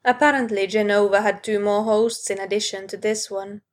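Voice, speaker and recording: A woman reads a fan fiction story aloud, narrating unhurriedly in a steady, mid-range voice and raising her pitch for the characters' dialogue.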